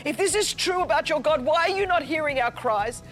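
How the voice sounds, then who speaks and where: Over soft background music, a woman preaches in a high-pitched, lively, fairly quick voice. A native Greek speaker, she tells her sermon's story with rising passion, building to loud, emphatic repetition.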